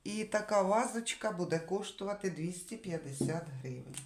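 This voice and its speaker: A woman selling secondhand dishes in a casual showcase, describing each piece in detail and thinking aloud with halting pauses. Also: on the low side, expressive, darkish tone. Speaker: secondhand dish seller. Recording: echoey room.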